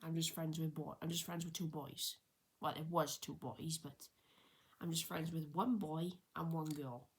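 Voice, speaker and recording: A vlogger in her early twenties tells a personal story in a rambling, unscripted way, often restarting and correcting herself. Her low voice is steady, slightly rough, and moderately paced. The camera sits a bit far from her.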